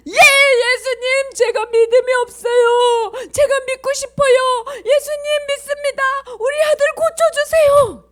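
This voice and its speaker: A woman voicing a desperate father begging for help, slow and tearful. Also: very high-pitched. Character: desperate pleading father of a sick boy.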